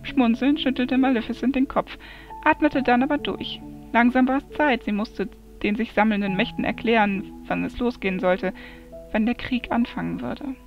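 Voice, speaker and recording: A woman reads a fantasy story aloud in a steady, even storytelling voice. Her voice sits fairly high. The recording sounds dull and lo-fi, with soft music behind. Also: normal speed. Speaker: narrator. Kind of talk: amateur fantasy audiobook reading.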